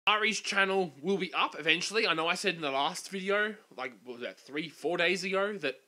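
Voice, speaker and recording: A man's voice: high-pitched, a little fast, bright, forceful tone. A man in his twenties chatting casually as the host of a vlog. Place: living room couch. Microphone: desk microphone in front of two people.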